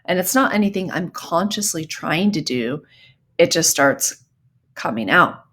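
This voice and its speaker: A woman's voice: on the low side, expressive, measured pace, a bit bright. A woman from Southern California giving recorded psychology lecture notes in a conversational way, with frequent ums and the odd y'all. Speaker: psychology teacher.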